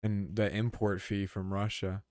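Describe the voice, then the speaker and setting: A man's voice: lowish voice, little pitch movement, measured pace, a little mellow, dry recording, studio quality. A young man co-hosting a podcast in casual chat, laid-back and swearing freely. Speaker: podcast co-host.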